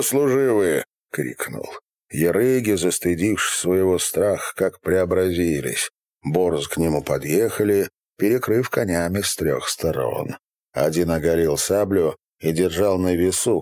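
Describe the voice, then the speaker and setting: A man narrating an audiobook in an expressive storytelling manner. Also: low voice, unhurried.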